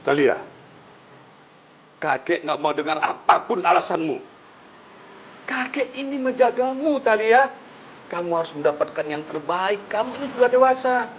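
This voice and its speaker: Strict old grandpa, firm scolding tone, oddly high voice. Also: male voice, sing-song, normal speed, long pauses, highs cut off, a little hiss or hum. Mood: stern. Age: older. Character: stern protective grandfather, old man.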